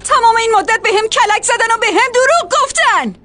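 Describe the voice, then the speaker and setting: A woman's voice: very high voice, lively intonation, pushed and bright, faint music behind, heavily acted. A woman dubbing a betrayed young woman who accuses and mocks in a sarcastic tone. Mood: bitter. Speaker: dubbing actor. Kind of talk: dubbed TV drama.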